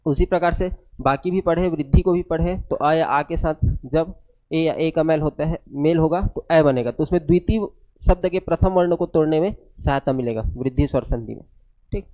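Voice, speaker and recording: Slightly high-voiced guy teaching grammar, unwell and low energy, keeps asking questions then answering them. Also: moderate pace, warm tone. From India. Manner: explains step by step, asks questions and answers them himself. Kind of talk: classroom lecture.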